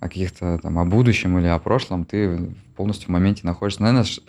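A man in his forties from Russia, an interview guest who answers reflectively with many pauses and filler sounds. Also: low-pitched, a little mellow. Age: 40s. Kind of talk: casual conversation.

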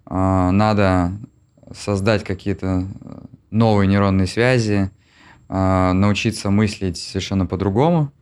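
A man in his forties from Russia, an interview guest who answers reflectively with many pauses and filler sounds. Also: low-pitched, fairly even intonation, a little mellow, clean tone. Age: 40s. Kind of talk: casual conversation.

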